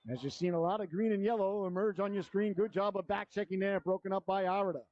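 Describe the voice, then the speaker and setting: A middle-aged man calling live hockey play-by-play as an announcer, folksy and excitable, with colourful slang. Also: high-pitched, fast talker, muffled recording.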